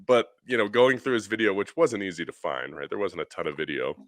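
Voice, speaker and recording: A man's voice: low-pitched, expressive, a little fast, fairly bright tone, dry recording. A middle-aged man co-hosting a podcast, rambling eagerly through a baseball swing breakdown. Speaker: podcast co-host, hitting coach. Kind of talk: casual podcast chat.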